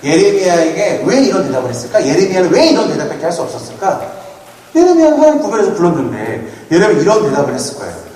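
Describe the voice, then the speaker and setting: A man's voice: high voice, sing-song, fast talker, warm tone. Playful man preaching in an echoey hall. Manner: playful, asks the audience questions. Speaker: retreat speaker. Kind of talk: lively youth sermon with jokes. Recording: echoey hall, mic from far off, faint noise.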